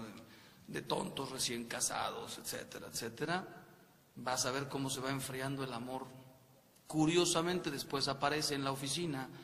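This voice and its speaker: A Mexican priest in his fifties giving a lively, joking talk on marriage, acting out little scenes for his audience. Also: medium pitch. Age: 50s. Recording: hall reverb with faint background noise.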